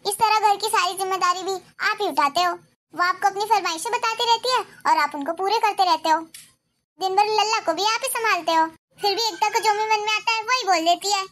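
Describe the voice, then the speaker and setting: A woman's voice: very high-pitched, fairly quick, fairly bright tone. Woman voicing a concerned cartoon neighbor lady. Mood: sympathetic. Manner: concerned and consoling. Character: sympathetic middle-aged neighbor woman. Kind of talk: cartoon voice acting.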